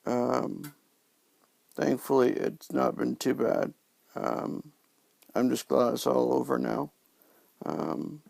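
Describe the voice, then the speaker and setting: A man with a very creaky, fry-heavy voice speaks slowly into a dry, close recording. His delivery is halting and subdued, like a casual video diary, with words slightly hampered by a sore, post-surgery mouth and new dentures. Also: medium pitch, a little mellow, dry recording. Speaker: vlogger sharing recovery from dental surgery.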